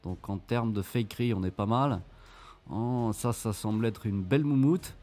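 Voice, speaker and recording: A man's voice: lowish voice, normal speed, warm tone, soft background music. A man hosting his channel, giving mocking, sarcastic screen-share commentary, swearing casually as he talks viewers through the material. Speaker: channel host reviewing an investment scheme.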